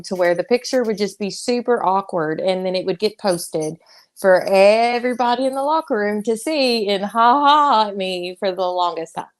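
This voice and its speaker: A woman's voice: medium pitch, clear, resonant tone. A young woman with a Southern US accent, a wrestler chatting as a guest in a casual interview, laughing often and drawing out her words.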